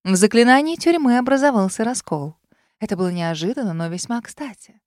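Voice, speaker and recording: A woman's voice: a little high, expressive, fairly quick, dry recording, studio quality, lightly acted. A woman doing a sweetly mocking old witch grandmother. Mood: calm mocking. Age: older. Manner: soft, honeyed, condescending.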